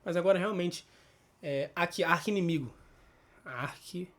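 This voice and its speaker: A Brazilian man teaching a casual Portuguese spelling lesson, explaining step by step, thinking aloud and often checking in with quick tag questions. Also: high-pitched, fairly bright tone. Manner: thinks aloud with restarts and self-corrections. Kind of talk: casual spoken grammar lesson.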